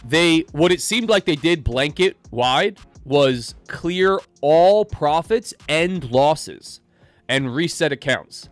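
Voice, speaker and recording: A man's voice: on the high side, lively intonation, slow pace, no echo, faint music behind. A man hosting a live day-trading stream, sick with a cold and sounding nasal, chatting casually and greeting viewers by name. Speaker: day trading livestream host.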